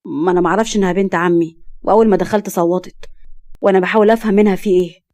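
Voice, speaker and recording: A woman's voice: lowish voice, steady tone, racing, warm tone, natural voice. A woman voicing a brash, drunken young man with an Egyptian accent and a sly drawl. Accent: Egyptian Arabic.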